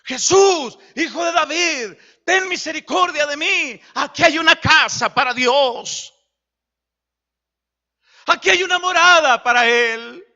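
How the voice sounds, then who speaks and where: A man voicing a desperate blind beggar who cries out in a high, pleading voice. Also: slow, pushed and bright, dull audio, full character voice.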